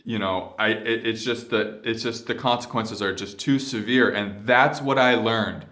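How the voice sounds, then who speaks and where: A man giving a reflective spiritual vlog monologue, speaking earnestly and haltingly, often repeating phrases as he goes. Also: lowish voice, bright, forceful tone. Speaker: spiritual video coach. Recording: roomy echo.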